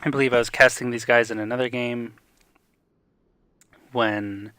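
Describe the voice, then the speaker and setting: A young man casting a live esports match with the hiccups, calling plays quickly and getting excited during fights. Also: medium pitch, clear, resonant tone, no echo. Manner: rapid excited play-by-play that rises in fights. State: has the hiccups. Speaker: esports caster.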